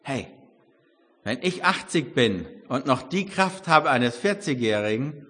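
An older man preaching a sermon, emphatic, swinging between loud exclamations and quiet reflection. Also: medium pitch, animated, a little slow. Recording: long hall reverb.

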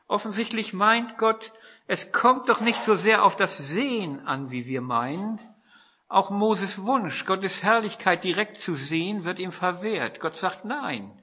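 A man delivers a sermon, moving between stories, quoted dialogue and rhetorical questions. His voice is bright, forceful and somewhat husky, pitched a little higher than most men. The recording sounds dull and lo-fi. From northern Germany. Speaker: preacher.

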